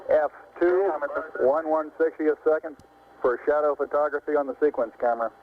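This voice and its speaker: A man working as mission control radio operator, speaking calm, terse procedure over a crackly radio link that cuts in and out. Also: on the high side, moderate pace. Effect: crackly radio link cutting in and out. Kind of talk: clipped radio procedure talk. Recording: tinny radio transmission with static hiss.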